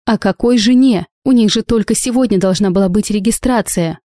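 Woman reader doing an indignant young woman defending her friend, warm, dry. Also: mid-range voice, animated, moderate pace, no echo, pitched above the performer's own voice, natural voice. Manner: indignant, sharp.

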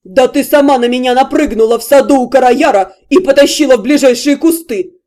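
A woman voicing a loud, indignant young nobleman in an audiobook, whining and protesting. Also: sits high, a little fast, natural voice. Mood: outraged, whiny. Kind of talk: audiobook character reading.

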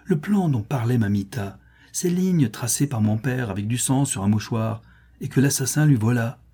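A man's voice: medium pitch, lively intonation, moderate pace, warm tone, breathy edge. A man voicing a bold young French adventurer in an audiobook, speaking emphatically with exclamations.

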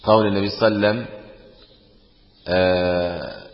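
A man's voice: low voice, steady tone, brisk. A man teaching a religious lesson, often asking the class questions and repeating phrases. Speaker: teacher explaining hadith. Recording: echoey room, dull lo-fi sound.

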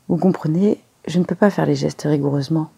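Fussy little detective guy done by a reader, precise, likes his own jokes, gravelly husky voice. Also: medium pitch, fairly quick, mellow. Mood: coaxing. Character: fussy, self-satisfied little male detective.

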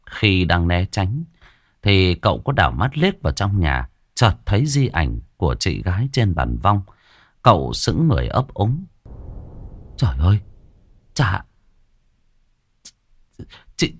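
Low-voiced guy narrating a ghost story, lively delivery, dry sound. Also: no room sound. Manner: dramatic storytelling.

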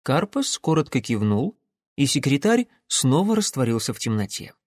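A man reading an audiobook in a measured, expressive narration, recorded close to the mic. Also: medium pitch, dry recording.

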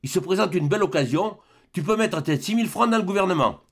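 A man's voice: sits high, animated, fast. A man voicing a domineering miserly old father who wheedles, then rages and curses. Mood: coaxing. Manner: wheedling, then shouting and cursing.

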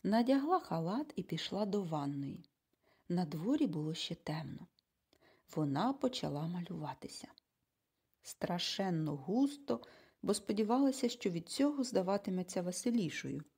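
A woman reading a storybook aloud with expressive narration. Her voice is mellow and a little husky, and it moves lively through its pitch range. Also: normal speed. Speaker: audiobook narrator. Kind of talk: scripted audiobook narration.

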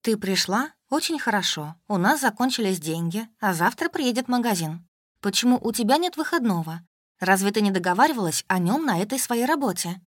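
A woman voicing an older mother who complains without pause in a reproachful, whining way. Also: medium pitch, animated, no echo, studio quality, lightly acted. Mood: nagging. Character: nagging self-pitying older mother, complaining nonstop.

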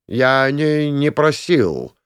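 A man voicing a haughty, melodious male elf sage who speaks slowly and dismissively in an audiobook. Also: on the high side, very animated, a bit bright, clear, resonant tone, dry recording, studio quality, voice pushed up, full character voice. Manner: slow, lofty and dismissive.

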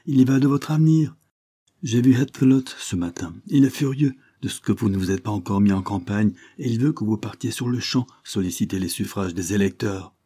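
Man reading as a pushy, persuasive male agent, raised and urgent, mellow voice underneath. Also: fairly low pitch, normal speed, slightly rough. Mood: pressing. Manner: urgent, pressing tone. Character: insistent male political agent, pressing and persuasive.

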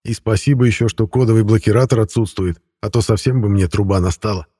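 A man reads a fantasy audiobook in the first person, wry and even in his telling. His voice sits low and has a husky grain, and the sound is close and dry with no room around it. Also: quick pace, no room sound. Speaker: audiobook narrator. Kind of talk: scripted first-person narration.

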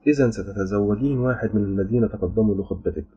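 Male narrator as an eager, lovestruck young man in an audio story, husky low voice over faint music. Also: fast, mellow, dull audio. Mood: earnest. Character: young man smitten with a jinn, earnest.

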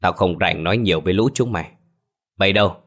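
Casting: a man doing a brutal old landlord, low and coarse, barking orders in an audio story. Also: quick pace, a bit bright. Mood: contemptuous. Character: cruel greedy old male moneylender landlord.

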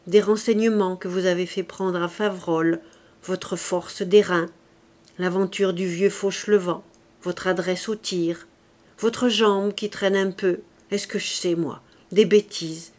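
A grave male police inspector speaks coldly and sadly, his words slow and measured, as a woman reads him aloud. The voice sits low and subdued in an audiobook reading. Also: fairly even intonation, darkish tone, close to an everyday voice. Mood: solemn. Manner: cold, sad, measured delivery.

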